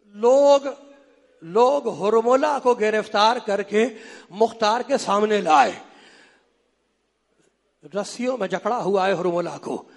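A man delivering an impassioned mourning sermon, half chanting and crying out in sing-song wails that rise to shouts. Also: high-pitched, creaky, long pauses. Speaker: preacher reciting a mourning sermon. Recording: long hall reverb with faint crowd.

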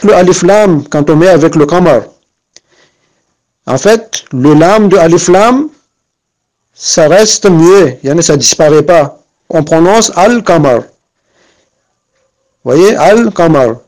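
A man's voice: on the high side, slow, long pauses, darkish tone, low-quality recording. A man giving a spoken lesson, explaining patiently with frequent fillers and restarts, and repeating examples several times. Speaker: Arabic reading teacher.

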